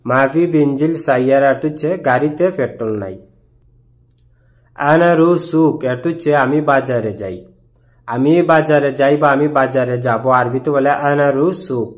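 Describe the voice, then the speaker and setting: A man giving a scripted language lesson, explaining each phrase word by word in a steady, repetitive way. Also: medium pitch. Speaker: language teacher.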